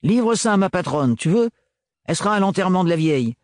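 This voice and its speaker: A man's voice: high voice, lively intonation, fast, dry recording, clean studio sound, pitched above the performer's own voice. A man putting on a grating tomboyish mechanic woman. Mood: curt. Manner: curt, insistent.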